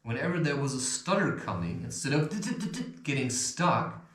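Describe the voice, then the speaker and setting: With a medium-pitched, sing-song and fairly bright voice, a man speaks a little slowly as he hosts a self-help video. His spiritual advice is loose and meandering, dotted with swearing, chuckles and an occasional stutter, and the room echoes.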